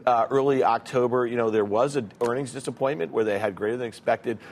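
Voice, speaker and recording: Quick-talking man on a market panel. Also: medium pitch, a little mellow, a little hiss or hum. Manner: conversational, thinks aloud with fillers. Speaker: options trader panelist. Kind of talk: fast market commentary.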